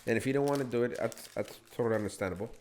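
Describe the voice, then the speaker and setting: A man's voice: mid-range voice, very fast, a little mellow, echoey room, a little hiss or hum. A man hosting a casual podcast with friends, laughing often as he runs a spicy chip segment. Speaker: podcast host. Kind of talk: casual chat.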